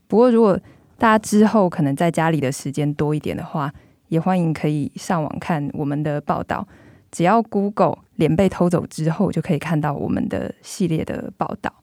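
Taiwanese lady podcast host talking thru a face mask, soft mellow tone, really dry sound. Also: low-pitched, a little fast, dry recording. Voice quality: speaking through a face mask. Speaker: magazine journalist hosting a podcast. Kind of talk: podcast hosting, semi-scripted narration and discussion.

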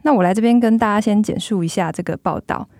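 A woman's voice: mid-range voice, fast, a little mellow, no room sound, studio quality. A woman with a Taiwanese accent hosts a podcast as a journalist, speaking through a face mask. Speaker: magazine journalist hosting a podcast. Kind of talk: podcast hosting, semi-scripted narration and discussion.

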